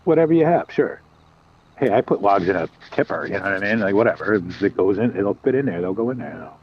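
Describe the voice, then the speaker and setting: Deep-voiced man, laid-back game chat. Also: animated, fairly quick, slight background noise. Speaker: streamer host. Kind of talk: casual gameplay chat. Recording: dull lo-fi mic.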